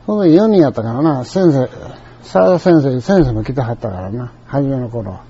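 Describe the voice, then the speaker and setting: A man's voice: mid-range voice, lively intonation, moderate pace, mellow, slight background noise. An older man with a Kansai accent telling a rambling personal anecdote in a chatty, colloquial, digressive way. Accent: Kansai Japanese. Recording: dull lo-fi recording.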